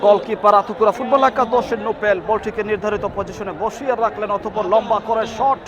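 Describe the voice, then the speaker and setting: A Bangladeshi man giving live, frantic and excited football commentary, calling the play with drawn-out words. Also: high-pitched, lo-fi sound. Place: outdoor football ground. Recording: loud crowd outdoors at a match. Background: crowd of spectators.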